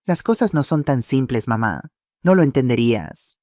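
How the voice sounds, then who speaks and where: A man voicing an angry grown son who shouts and threatens his mother in a spoken story. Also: mid-range voice, expressive, normal speed, dry recording, studio quality, lightly acted. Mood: tense. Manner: shouting, menacing.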